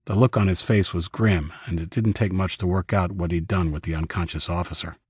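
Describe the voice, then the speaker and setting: A man narrating a first-person audiobook in a steady, measured way. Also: sits low, husky, no room sound, clean studio sound.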